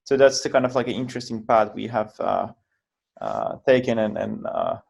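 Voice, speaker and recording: A man from Finland, speaking English, talks through technical ideas as an interview guest over a video call. His delivery is halting, full of repeated words and restarts as he builds each explanation. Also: mid-range voice, gravelly, a little mellow. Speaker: guest, project founder.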